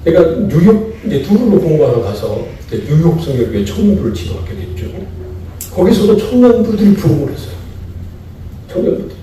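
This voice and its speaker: A middle-aged man from Chungcheong, Korea, delivers a sermon-style lecture to fellow pastors, repeating his key lines and asking rhetorical questions. His voice is deep and dark, with lively swings in pitch. The recording has heavy church-hall echo and picks him up from a distance. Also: fairly quick, a little hiss or hum. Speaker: guest pastor speaking at a pastors' seminar. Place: large church sanctuary. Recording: echoey church hall, mic from afar.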